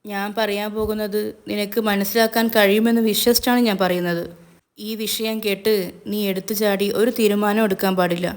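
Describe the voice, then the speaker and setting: A woman voicing a middle-aged father who speaks slowly and solemnly, holding back grief, in a read-aloud story. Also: medium pitch, fairly even intonation, natural voice. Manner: slow, grave, restrained.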